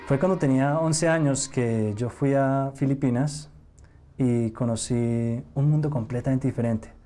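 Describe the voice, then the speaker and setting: Young Nicaraguan-born man, warm relaxed voice, casual reflective studio interview. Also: mid-range voice, a little slow, faint music behind. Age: young adult. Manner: casual, reflective, with fillers and restarts. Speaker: mentalist interviewee. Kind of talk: interview answers. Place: TV studio set.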